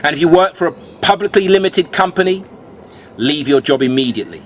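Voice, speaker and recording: A man with a fairly high voice performs rhyming spoken-word verse like a cool beatnik. He stretches phrases for drama and confides in the listener like a mentor sharing a secret. There is clear noise behind him. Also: animated, a little fast. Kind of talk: rhyming stand-up beat poetry performance.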